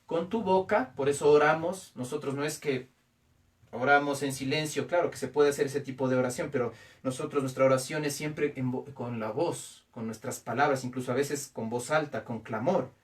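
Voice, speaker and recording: A man preaching a sermon as pastor, with emphatic repetition and pauses. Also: medium pitch, recorded from a distance. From Ecuador.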